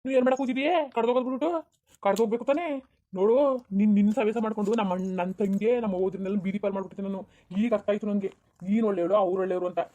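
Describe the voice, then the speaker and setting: A performer voicing a quarrelsome, quick-tempered village husband in a cartoon, with a berating manner. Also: medium pitch, flat delivery, close to an everyday voice. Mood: angry berating. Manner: shouting, berating, rapid. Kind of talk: cartoon voice acting.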